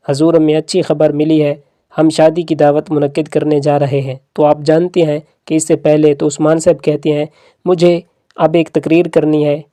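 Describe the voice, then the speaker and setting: A narrator steadily recounting a drama episode, folding the characters' dialogue into the retelling as plain quotes. The voice is mellow and soft-edged, recorded close and dry with no room sound. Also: mid-range voice, no room sound. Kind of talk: plot recap narration.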